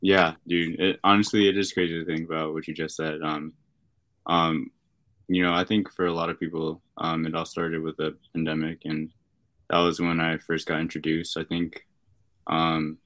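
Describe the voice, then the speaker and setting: A young man talks casually as a podcast guest. His voice is deep and stays quite monotone, with a laid-back, slangy, slightly hesitant delivery. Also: normal speed, no room sound. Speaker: podcast guest, card shop worker. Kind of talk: casual chat.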